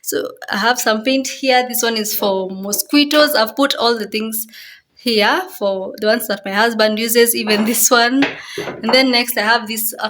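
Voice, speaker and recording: A woman's voice: a little high, fairly bright tone, a little hiss or hum. A woman vlogger with a Kenyan accent, casually explaining things step by step and repeating her phrases as she goes. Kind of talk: casual home tour explanation.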